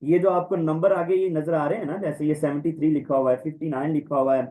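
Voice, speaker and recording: Guy teaching a greek class online, slightly high voice, says words slow and over and over. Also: fairly even intonation, warm tone, rough recording. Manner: slow, drawn-out word-by-word pronunciation drills. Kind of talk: online lecture.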